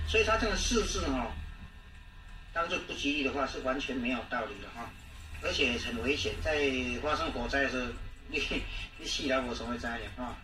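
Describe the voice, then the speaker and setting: A man with a Taiwanese accent teaching a language lesson, repeating words slowly and often trailing off with "ha" and "oh". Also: on the high side, pushed and bright. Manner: repetitive, drawn-out, frequent "ha, oh" fillers. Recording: echoey room, distant mic, faint noise.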